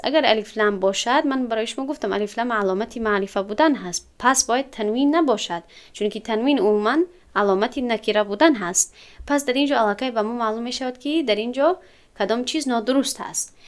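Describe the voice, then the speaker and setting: A woman teaching Arabic grammar in a classroom, explaining step by step and asking her students questions. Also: on the high side. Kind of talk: classroom lesson.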